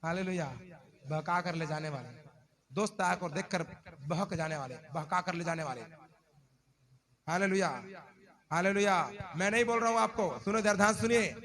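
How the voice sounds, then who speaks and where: A pastor preaching a sermon, dramatic, sometimes shouting warnings and calling out hallelujah. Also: male voice, sits high, moderate pace, long pauses.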